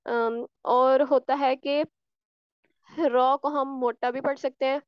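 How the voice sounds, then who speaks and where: A woman with a high, smooth, clear voice teaches a recitation lesson over an online class. She demonstrates each sound by repeating it and keeps checking that her students follow. The audio is dry and a little dull, like a call mic. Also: fairly even intonation, takes it slowly, no room sound. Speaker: tajweed teacher.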